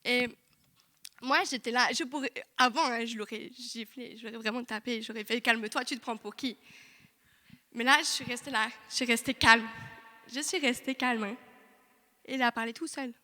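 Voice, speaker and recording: A young woman giving a lively, chatty testimony in church, full of asides to the congregation. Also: on the high side, moderate pace. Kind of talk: sermon testimony. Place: church hall.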